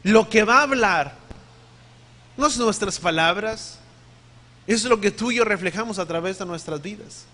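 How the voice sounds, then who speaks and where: Preaching at a normal speed with frequent pauses, this man has a high, emphatic voice that sounds bright and forceful. His sermon mixes teaching with questions for the congregation, and he sometimes spells words out one letter at a time.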